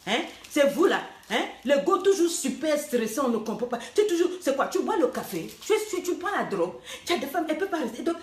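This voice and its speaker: A woman relationship coach giving lively, teasing advice, slipping English phrases into her talk. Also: high voice, fast talker, hardly any pauses. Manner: teasing, playful, animated, mixing in English phrases. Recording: echoey room.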